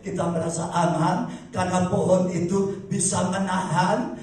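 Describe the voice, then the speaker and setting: A man preaches a dramatic sermon, repeating his address to the congregation again and again. His voice sits high. He sounds far from the mic, in a hall that rings with heavy echo and a faint hiss. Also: little pitch movement, normal speed. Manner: dramatic preaching, repeats "saudaraku", acts out shouts. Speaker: pastor. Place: church hall.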